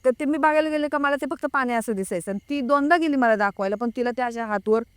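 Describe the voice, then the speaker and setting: A woman tells a first-person story in a smooth, clear voice with a dry, close sound. She talks casually, often stops to search her memory and acts out other people's words as she goes. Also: high-pitched, no room sound. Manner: hesitant, pauses often to recall details; reenacts a friend's frightened words. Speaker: guest recounting a personal experience.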